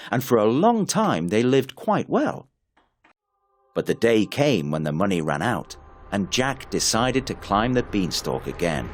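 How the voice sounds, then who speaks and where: A man narrating a fairy tale in an expressive, unhurried storybook reading. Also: medium pitch.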